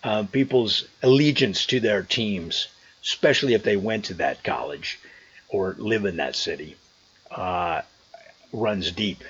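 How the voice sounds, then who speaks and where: A man's voice: lowish voice, a little slow, fairly bright tone, breathy edge, dull audio. An American man chatting casually and telling a story to his vlog viewers in an amused, conversational manner, outdoors. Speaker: vlogger. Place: outdoors on a trail.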